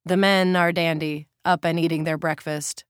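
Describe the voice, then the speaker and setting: Woman reading nervous male orderly, halting and clipped, low-ish voice, dry close sound. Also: flat delivery, smooth, dry recording, lightly acted. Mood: uneasy. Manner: hesitant, clipped, casual speech.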